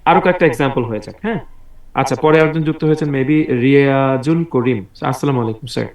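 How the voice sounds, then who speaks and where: A man teaches an online class, patient and encouraging, drilling words aloud with his students. His voice sits at an ordinary pitch. It comes through a video call, sounding roomy and set back from the mic. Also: fast, recorded from a distance. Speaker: English teacher.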